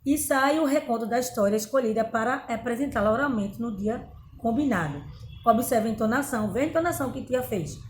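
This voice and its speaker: A woman's voice: a little high, animated, a little fast, echoey room, slight background noise, rough recording. A woman from Brazil teaching a remote lesson to young pupils, going through a workbook and often checking in with them. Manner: patient, explains step by step, often checks in with "tá bom?". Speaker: primary school teacher.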